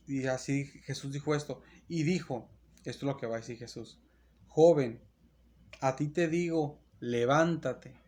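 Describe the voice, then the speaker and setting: A man preaching a sermon as pastor, earnest and repetitive, often restarting his phrases. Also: medium pitch.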